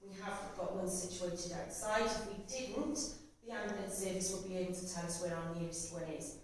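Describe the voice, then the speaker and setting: A woman's voice: lowish voice, fairly even intonation, normal speed. A woman teaching a practical first aid class, putting questions to learners in an instructional manner. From Cardiff, Wales. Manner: instructional, repeats learners' answers back. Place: echoey indoor training room. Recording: very echoey room, distant mic, faint noise.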